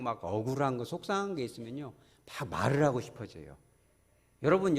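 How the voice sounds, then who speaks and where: A man's voice: fairly high pitch, breathy edge, big-room sound. A male pastor preaching a Sunday sermon, questioning his congregation and acting out voices. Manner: animated, asks the congregation questions. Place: church sanctuary.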